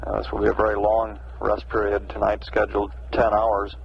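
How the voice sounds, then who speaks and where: Flat, creaky American mission announcer, noisy archive audio. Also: male voice, lowish voice, highs cut off. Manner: measured, hesitant, matter-of-fact. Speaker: mission control public affairs announcer. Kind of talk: live spaceflight status commentary. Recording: noisy band-limited 1960s mission radio archive.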